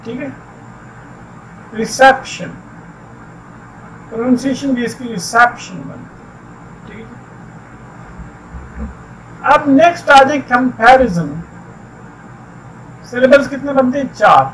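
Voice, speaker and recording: A man teaching an English textbook lesson, explaining slowly and repeating words. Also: very high-pitched, lively intonation, a bit bright. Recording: distant mic with faint background noise.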